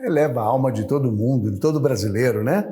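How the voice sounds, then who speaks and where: A male interview host with a middle-pitched voice. He asks chatty, admiring questions and often drops in filler tags. His delivery is relaxed and conversational. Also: quick pace, slight background noise.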